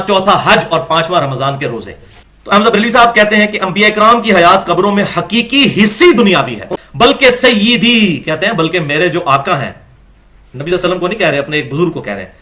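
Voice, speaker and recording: A man giving an argumentative religious lecture, reading quotations from books and reciting verses slowly. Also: high-pitched, bright, forceful tone. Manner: argumentative, reads quotes aloud and recites scripture slowly. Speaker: religious scholar.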